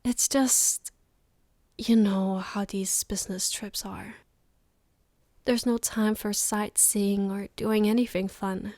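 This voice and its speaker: A woman playing a loving, tired girlfriend on a late-night call, in a soft, intimate ASMR role-play. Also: mid-range voice, dry recording, clean studio sound. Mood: tired, affectionate.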